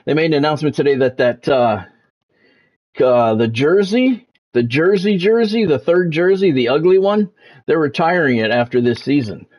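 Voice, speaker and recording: This livestream host, once a radio play-by-play announcer, shares sports news casually in a higher, darkish voice with lively intonation at a normal pace. He frequently breaks off to repeat himself.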